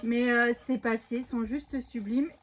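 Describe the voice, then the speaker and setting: Woman vlogger, high voice, chatty and rambling with lots of fillers, home craft room, faint background hiss. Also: fairly even intonation, a little slow. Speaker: scrapbooking vlogger. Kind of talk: casual haul video chat.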